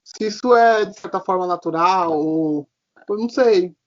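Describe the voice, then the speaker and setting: A man's voice: sits high, normal speed. A man in his twenties co-hosting a podcast, talking casually and animatedly, with surprised exclamations and trailing thoughts. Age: 20s. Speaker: podcast co-host. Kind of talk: casual chat. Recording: slightly dull podcast audio.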